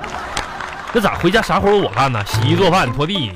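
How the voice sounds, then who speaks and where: A man's voice: fairly high pitch, sing-song, moderate pace, music in the background, crowd noise. A man playing a stingy, fumbling husband in a comedic audio sketch, with a Northeastern Chinese accent, stammering and rambling. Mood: grumbling. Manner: stammering, rambling, repeats words.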